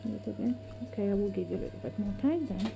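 A woman's voice: mid-range voice, quick pace, gravelly, over music. A woman dentist talking a patient through treatment in short, simple remarks. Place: small dental surgery. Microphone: action camera, slightly away. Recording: noisy clinic room on action camera.

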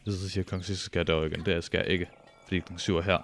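A young man with a Danish accent, commentating a speedrun live, excitable and joking with frequent swearing. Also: low voice, soft background music. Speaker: streamer.

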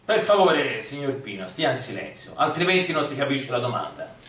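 A man's voice: medium pitch, sing-song, normal speed, a bit bright, a little hiss or hum. A middle-aged man playing a fussy, competitive neighbour in an amateur comedy sketch. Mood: indignant. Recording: very echoey room, far from camera mic.

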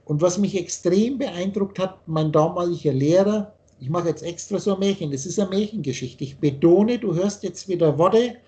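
A man's voice: sits high, normal speed, few pauses, warm tone. An older man from Austria, lecturing at length as a spiritual teacher over a video call, rambling and insistent, often restarting his sentences.

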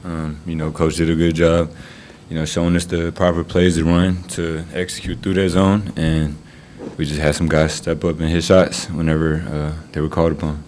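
A young man, a college basketball player, answering postgame press questions in a low-key way with lots of fillers, seated at a table mic in a press room. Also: flat delivery, moderate pace, hardly any pauses, a little mellow, a little hiss or hum. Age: young adult.

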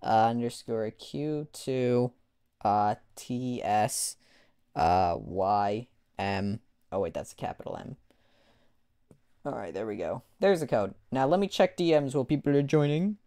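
A man casually commentating a live gaming stream, excitable, exclaiming and laughing as he plays. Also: mid-range voice, a little slow, smooth, no room sound, studio quality. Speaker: gaming livestreamer.

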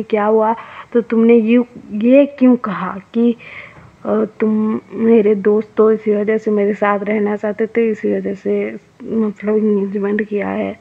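A woman's voice: fairly high pitch, little pitch movement, unhurried. A woman voicing a devoted, heartsick young man who pleads earnestly with his best friend. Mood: hurt, questioning. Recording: tinny phone-like audio.

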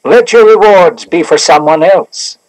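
An actor playing a solemn, unafraid prophet on a storybook record, pronouncing gravely. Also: male voice, high voice, a little slow, background noise. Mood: stern. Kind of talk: 1970s storybook record drama.

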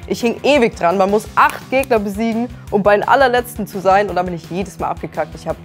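A woman's voice: medium pitch, fast talker, faint music behind. A woman telling a casual, exasperated anecdote about a hard boss. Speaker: games show regular.

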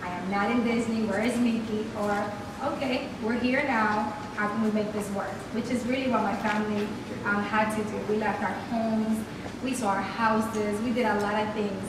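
Speaking at a moderate pace in a mid-range voice, a woman from the Dominican Republic whose native tongue is Spanish offers an upbeat, lively, faith-filled motivational talk as a guest speaker. She's in a hotel meeting room at a podium mic on a stand, captured from afar by a camera, so the room echoes and there's noise.

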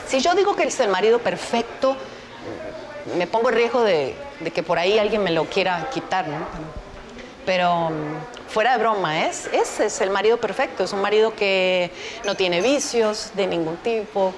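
Crowd noise hums behind a Uruguayan woman in her fifties as she chats casually on a TV interview, her medium-pitched voice keeping a moderate pace and carrying a Uruguayan Spanish accent. She's a guest wearing a lapel mic in a studio with a stone backdrop, animated and lively, laughing readily and gesturing with her hands.

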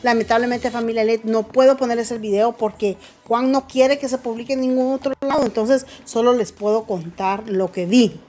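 A woman's voice: fairly high pitch, fairly even intonation, normal speed, few pauses, darkish tone, soft background music. Dramatic, mocking woman gossip host. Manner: dramatic, mocking, calls her viewers "familia". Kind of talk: gossip commentary.

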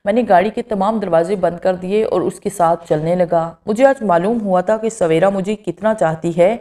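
A woman narrating a first-person horror story in a steady, scripted reading. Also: fairly low pitch.

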